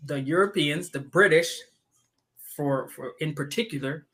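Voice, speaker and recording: A man co-hosting a live podcast, ranting in an animated way with frequent laughter and many restarts. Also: on the high side, a little slow, poor audio. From United States. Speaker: podcast co-host.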